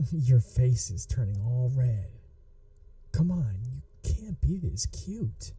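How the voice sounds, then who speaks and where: In an ASMR roleplay, a woman plays a flirty, adorkable female manager, speaking in a very soft, dark, very deep voice that's teasing, fond, and amused. Her unhurried, very animated phrasing rises and dips as she coaxes the listener in an acted monologue, heavily performed and slipping into whispers. The recording is dry and intimate with no echo, though she sits far from the mic.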